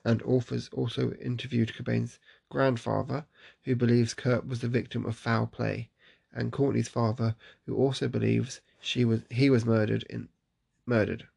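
A man's voice: mid-range voice, flat delivery, normal speed, gravelly, a little mellow, husky. A man hosting a casual solo podcast in a groggy morning voice, chatty and self-deprecating, laughing at himself. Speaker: podcast host.

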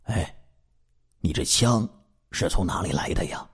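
A man's voice: low-pitched, moderate pace, a little mellow, husky. A man doing a wary, shrewd village militiaman. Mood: probing. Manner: friendly on the surface, probing.

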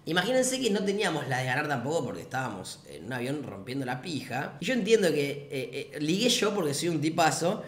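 A man's voice: on the high side, sing-song, a little fast, hardly any pauses, a bit bright. A young man with a Rioplatense Spanish accent, telling a casual anecdote in a laid-back, slangy and profane way. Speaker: vlogger. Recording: echoey room.

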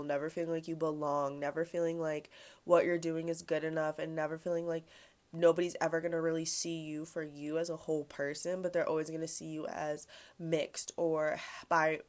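A young woman in her twenties talks through her solo podcast in a loose, chatty way, dropping "like" into nearly every line and swearing casually. She sounds congested and a little nasal from a stuffy nose. Her voice sits a touch low for a woman. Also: darkish tone. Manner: chatty, heavy use of "like", swearing. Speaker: podcast host.

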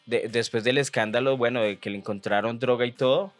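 A man's voice: mid-range voice, fairly even intonation, brisk, no room sound, soft background music. A man hosting a video podcast, chatting casually and telling stories with jokes. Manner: storytelling, joking, breaks into imitations. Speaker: podcast host. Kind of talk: casual chat.

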